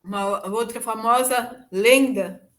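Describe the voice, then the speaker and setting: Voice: mid-range voice, steady tone, slow pace, a bit bright. A student answering questions in an English class, tentative and unsure.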